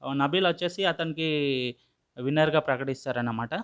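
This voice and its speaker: A man's voice: fairly high pitch, fairly quick, a bit bright, smooth. A man casually retelling a reality show episode, quoting everyone in his own voice, with loose fillers and restarts. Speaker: episode recap vlogger.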